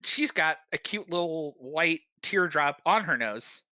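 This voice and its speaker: Game master narrating, relaxed, lots of fillers, bright tone, dry close sound. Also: mid-range voice, measured pace, no echo.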